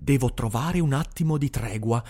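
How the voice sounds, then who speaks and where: A man's voice: mid-range voice, moderate pace, dark tone, close to an everyday voice. A man voicing an anxious, disoriented middle-aged official in an audiobook. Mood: bewildered.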